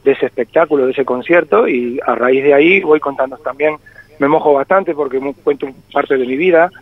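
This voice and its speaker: A forty-something male singer-songwriter, born in Spain and carrying a faint Argentine edge in his Spanish accent, talks at a brisk clip with a medium pitch. It's a phone interview, reflective and riddled with hesitations, recorded on a tinny, dry line with no room sound.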